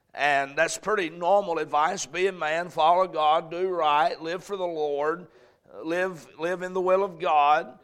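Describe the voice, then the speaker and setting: A man's voice: a little high, a bit bright, clear, resonant tone. Preacher man, echoey church sound. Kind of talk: church sermon with Bible reading and prayer. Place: church sanctuary, preaching over a sound system to a congregation.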